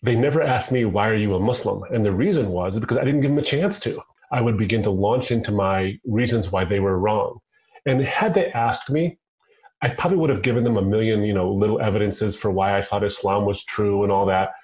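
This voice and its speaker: A man's voice: on the low side, fairly quick, a little mellow. A middle-aged American man, a guest on the line, telling his own story in an earnest, conversational way. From United States. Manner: earnest storytelling, quotes himself in asides. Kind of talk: conversational interview. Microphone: phone line.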